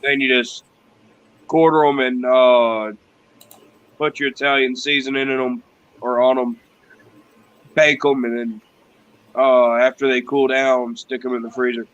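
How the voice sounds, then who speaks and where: A man's voice: medium pitch, flat delivery, a little slow, pauses often, a bit bright, clean tone, lo-fi sound. A man on his phone in a casual online group chat, explaining things plainly and unhurriedly. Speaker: chat participant.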